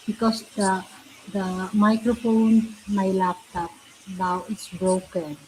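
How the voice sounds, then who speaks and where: Slow, mellow woman speaking halting English. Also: mid-range voice, steady tone, low-quality recording. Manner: halting, repetitive, non-fluent English. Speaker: live stream host. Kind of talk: casual chat. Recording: faint background noise.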